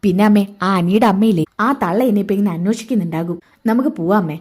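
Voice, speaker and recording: A woman's voice: mid-range voice, fast talker, darkish tone, husky, close to an everyday voice. A woman voicing a sly, spoiled young wife who plots with her mother.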